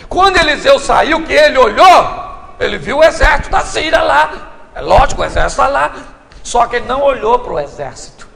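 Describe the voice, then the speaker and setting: A man preaching a comic sermon in a church, telling stories in an animated way with loud, emphatic bursts. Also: very high-pitched, brisk, vocal fry, slight background noise. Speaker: pastor. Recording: echoey church hall, mic far off.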